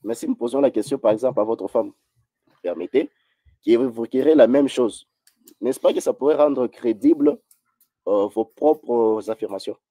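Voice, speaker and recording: A man's voice: mid-range voice, normal speed, warm tone, no room sound. A man speaking as a debate guest, formal and hesitant, stammering as he answers. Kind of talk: debate on a call.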